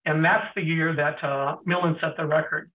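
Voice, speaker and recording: A middle-aged man, an interview guest, tells stories in a casual way, often clearing his throat and pausing with fillers. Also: on the high side, steady tone. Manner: anecdotal, frequent throat clearing and hesitant fillers. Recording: tinny phone-like sound.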